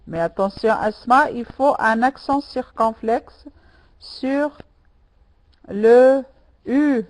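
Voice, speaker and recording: A woman's voice: fairly high pitch, extremely slow, rough recording. A woman teaching a French lesson online, patiently repeating words and correcting students by name.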